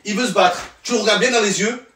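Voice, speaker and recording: A man's voice: high voice, fast, echoey room, noisy background, voice pushed up, lightly acted. A man doing a brash self-defense teacher. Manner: brash, instructive, overexcited. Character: cocky self-defense instructor, adult man.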